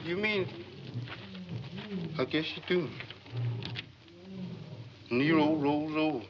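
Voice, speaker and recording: High-voiced wary screwball sidekick, noisy soundtrack. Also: male voice, takes it slowly. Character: wary, literal-minded lion keeper and sidekick. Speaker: film actor. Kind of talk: 1940s screwball comedy banter, film acting. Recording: dull, noisy 1940s film soundtrack.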